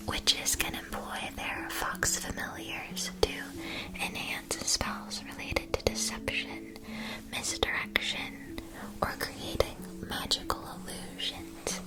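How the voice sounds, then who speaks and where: A woman lightly acts the role of a polite, attentive shopkeeper at a witch school, whispering ASMR-style and explaining in slow, deliberate phrases. The audio quality is poor.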